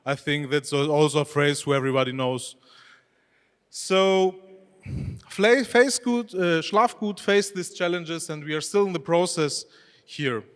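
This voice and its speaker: On an expo hall stage, a Greek-speaking man who heads e-commerce delivers a chatty talk, asking the audience questions in loose English. His fairly high, clear and resonant voice is animated but measured in pace. A large hall's long reverb surrounds the recording.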